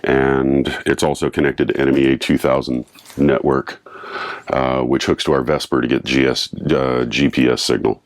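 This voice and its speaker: With no room sound, an extremely low-pitched man speaks at a moderate pace in a flat delivery. He's an American in his fifties showing a DIY installation on his boat, talking informally as he works it out, recorded on a chest-clipped lavalier in the small cabin.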